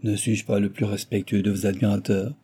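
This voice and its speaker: A man's voice: fairly low pitch, little pitch movement, a little fast, mellow, slightly rough. A man voicing a scheming villainous suitor who speaks with mocking courtesy and a threat behind it. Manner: mocking, oily courtesy, grinding his teeth.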